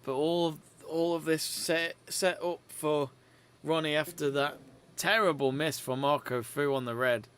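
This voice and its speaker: A man hosting a live snooker watch-along, giving measured, conversational play-by-play commentary. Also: a little high, steady tone, a bit bright, smooth.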